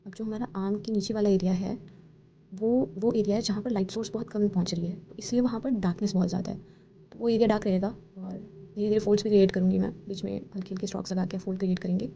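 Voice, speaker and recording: Calm explanations of each step, in a mix of Hindi and English, come from a woman tutor hosting an art tutorial voice-over on painting. She talks fast in a gravelly, dark, medium-pitched voice, recorded slightly dull with faint hiss.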